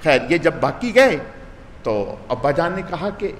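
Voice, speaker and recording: Male religious scholar, animated sermon storytelling, slightly high voice, reverberant hall. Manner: storytelling with voiced dialogue, rising and falling emphasis. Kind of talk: Quran commentary sermon. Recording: hall with long reverb, faint noise.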